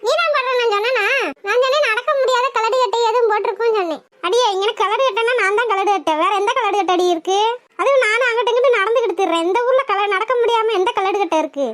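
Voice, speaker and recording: A woman's voice: extremely high pitch, fast talker, a bit bright. A woman with a Kanyakumari Tamil accent voicing a touchy older village woman who indignantly argues back in a cartoon.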